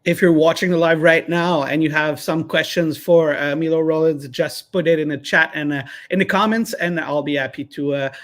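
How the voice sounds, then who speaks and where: A man hosting a live online interview, halting with many fillers and restarts. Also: fairly high pitch, steady tone. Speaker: interviewer host.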